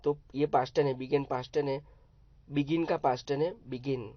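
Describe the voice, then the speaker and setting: A man teaching young pupils new words, spelling each one letter by letter and then explaining it slowly and patiently. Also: mid-range voice, fairly even intonation, dry recording. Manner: slow, patient, repetitive. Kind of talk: vocabulary lesson for young pupils. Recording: dull, dry lo-fi sound.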